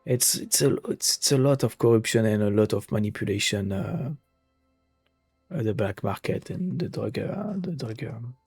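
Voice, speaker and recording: A man gives casual gameplay commentary in a creaky, mid-pitched voice. The sound is close and dry, with faint music behind him. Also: moderate pace, darkish tone, no echo. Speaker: game streamer.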